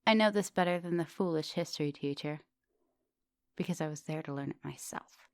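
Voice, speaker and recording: Voicing a centuries-old vampire English professor in intimate ASMR roleplay, a woman sounds soft and dominant, doting and teasing, sometimes breaking into breathy whispers. Here her low voice runs fairly quickly in a proud, lecturing mood, with no room sound.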